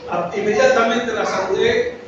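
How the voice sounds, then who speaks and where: A man with a very high voice preaches an earnest, story-filled sermon, stretching out key words. He is picked up from far off in a hugely echoing room. The sound is dull and muffled, with steady noise behind him. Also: normal speed. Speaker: pastor. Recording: echoey, dull, noisy from afar.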